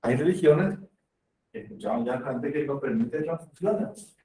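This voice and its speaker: Animated yet measured in pace, the lecturer speaks with a dark, mid-range voice and a Paraguayan Spanish accent. His university medical talk explains through examples and acted patient dialogues. The sound is roomy, taken from a distant mic.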